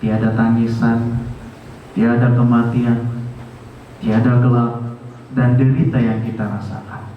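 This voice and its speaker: Guy slowly exhorting a congregation, earnest, sounds far off and muffled in a big echoey church. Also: medium pitch, flat delivery, a little hiss or hum. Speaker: church program host. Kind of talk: sermon-style exhortation. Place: church sanctuary.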